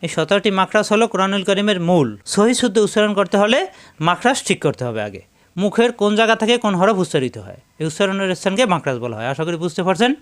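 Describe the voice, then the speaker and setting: A man teaching Arabic letter pronunciation in Bengali with a Bangladeshi accent, slowly drilling syllables one after another. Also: sits high, big pitch swings, a bit bright. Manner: slow, repeats syllables for drilling. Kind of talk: step-by-step recitation lesson.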